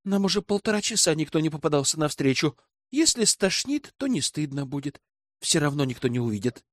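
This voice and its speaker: A man's voice: fairly high pitch, sing-song, a little fast, no echo, studio quality. A man voicing an impatient, snappy young woman in a storybook reading. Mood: pleading. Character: hot-tempered impatient young brunette woman.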